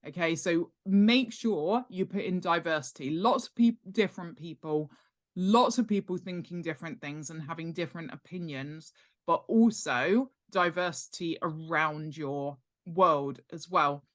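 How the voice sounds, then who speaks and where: With a fairly low voice and a slightly slow pace, a middle-aged British woman explains ideas conversationally in a podcast interview. She is the guest, an author and world-building expert, and she emphasizes points by repeating words.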